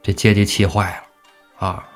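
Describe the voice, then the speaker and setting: A man narrates an old tale in a relaxed podcast style. He brings the characters' shouts to life with gusto. Faint music plays behind him. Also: low voice, moderate pace. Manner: lively, acts out characters' shouts. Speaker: storyteller host. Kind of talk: casual storytelling podcast.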